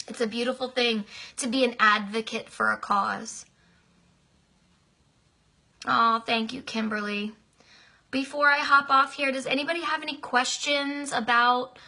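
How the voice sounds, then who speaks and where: A woman's voice: a little high, pushed and bright. A chatty, effusive woman giving a motivational live-stream talk to her business team, answering viewer comments and repeating herself affectionately. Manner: chatty and effusive, talks at length.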